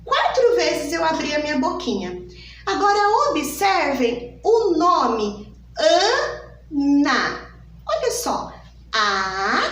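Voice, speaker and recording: A woman teaches a phonics lesson for young children, stretching every word out slowly. Her voice sits high and swoops up and down in a sing-song way. It is recorded from a distance in an echoey room.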